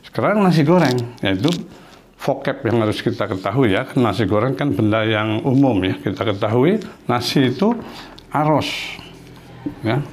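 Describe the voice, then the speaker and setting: A man teaching a language lesson, patiently explaining and repeating words and verb forms slowly. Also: mid-range voice, animated, slight background noise.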